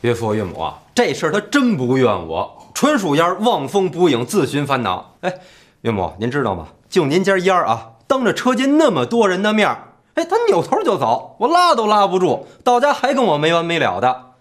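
An actor playing a boastful, flirtatious engineer who pleads and justifies himself in a TV drama. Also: male voice, high voice, huge pitch swings, brisk. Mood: indignant. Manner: smooth-talking, pleading, indignant. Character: boastful philandering male engineer, self-justifying. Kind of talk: TV period drama acting.

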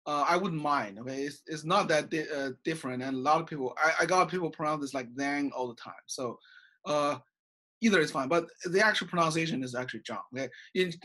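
Speaking a little fast in a fairly high, sharp voice, a middle-aged professor from China records an online lecture via webcam at his desk, surrounded by bookshelves in his small office. He has a Chinese accent, gestures while talking, and keeps adding "okay?" and "uh".

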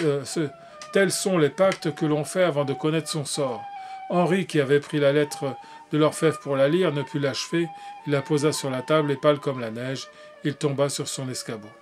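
A man narrating a classic tale in a measured way, with occasional slips and restarts. Faint music plays behind him. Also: fairly high pitch. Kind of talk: reading a classic tale aloud.

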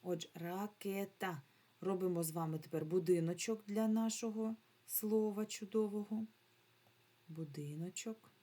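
A woman's voice: medium pitch, little pitch movement, warm tone. A woman teaching a remote lesson to young children, drawing out sounds and syllables patiently, with a Ukrainian accent. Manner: slow, drawn-out syllables, patient, coaxing. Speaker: primary school teacher.

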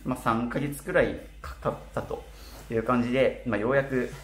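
A man's voice: medium pitch, steady tone, normal speed, fairly bright tone. A man in his twenties from Japan chatting casually to camera, his articulation slightly slurred as if wearing a mouthguard. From Kitakyushu, Japan. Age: 20s. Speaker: vlogger. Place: small bare apartment room, indoors. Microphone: camera a short distance away. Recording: roomy echo with faint noise.

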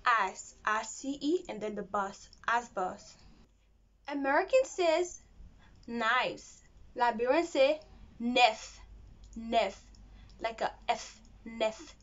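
A woman's voice: fairly high pitch, lively intonation, takes it slowly, a bit bright, dull audio. A young woman, talking casually to camera as a vlogger hosting her own channel. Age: young adult. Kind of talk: casual direct-to-camera vlog talk.

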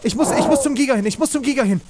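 Ein Mann, der aufgeregt ein Spiel kommentiert, in Panik ruft und fleht und viel Jugendslang benutzt. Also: male voice, very high-pitched, racing, background noise. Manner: excitable, shouts and pleads in panic, youth slang. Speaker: let's play host. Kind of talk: excited gaming commentary.

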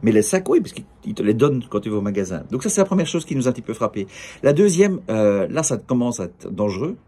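Middle-aged Belgian man, chatty vlogger, dark mellow tone, jokey and rambling. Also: mid-range voice, very animated, quick pace, husky. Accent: Belgian French. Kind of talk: casual direct-to-camera monologue. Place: outdoor café terrace.

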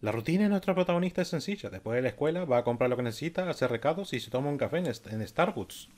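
Un hombre que comenta un juego de rol en voz alta, con apartes burlones y divagaciones sueltas. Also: male voice, mid-range voice, animated, rapid-fire, a little mellow. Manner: joking asides, loose rambling. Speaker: gaming video creator. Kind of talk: casual let's-play commentary.

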